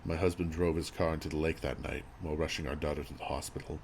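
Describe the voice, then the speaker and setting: Very deep-voiced man narrating horror. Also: steady tone, fast, creaky, a little mellow. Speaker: creepypasta narrator. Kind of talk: scripted horror story narration. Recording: audible background noise and ambience.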